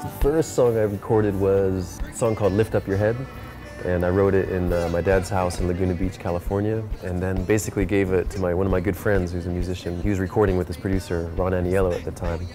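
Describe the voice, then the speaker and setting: Deep voiced guy in his 30s, reggae musician, laid-back interview chat, music going in the background. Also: little pitch movement, fast. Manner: laid-back, often adds "you know". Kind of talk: reflective interview monologue. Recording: clear music playing behind the voice.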